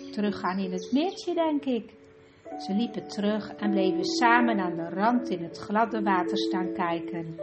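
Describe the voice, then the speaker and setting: Woman calmly reading a children's story. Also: medium pitch. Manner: calm, gentle storytelling. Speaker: narrator. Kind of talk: audiobook narration of a children's story. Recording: music playing behind the voice. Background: music.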